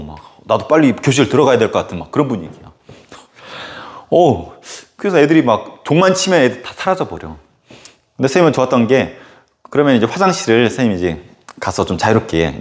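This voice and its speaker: A male history teacher tells a story casually during a lecture, animated and full of fillers. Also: medium pitch.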